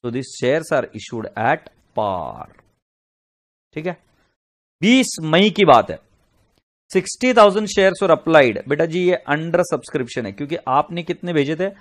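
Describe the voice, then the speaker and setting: A man's voice: fairly high pitch, very animated, slow. Scolding man teaching accounts. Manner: scolding, exasperated outbursts between problem explanations; addresses students as beta ji. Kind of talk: classroom lecture mixing Hindi and English.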